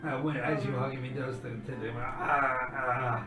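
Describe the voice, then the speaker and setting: A man's voice: mid-range voice, steady tone, normal speed. A man running a tabletop role-playing game, narrating and improvising as game master. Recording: roomy, distant mic with music behind.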